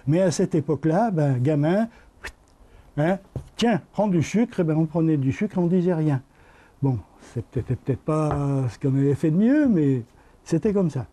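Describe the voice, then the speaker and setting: A man chatting in a relaxed, anecdotal way during a documentary interview about his eating habits. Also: a little high, normal speed. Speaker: hospital nutrition workshop participant.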